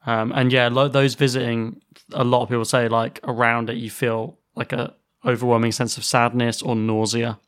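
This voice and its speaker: A man's voice: medium pitch, little pitch movement, moderate pace, hardly any pauses, fairly bright tone, clean tone. A man co-hosting a podcast, telling paranormal stories in loose casual chat, full of fillers and laughs. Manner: chatty, laughs often, trails off with fillers. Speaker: podcast co-host.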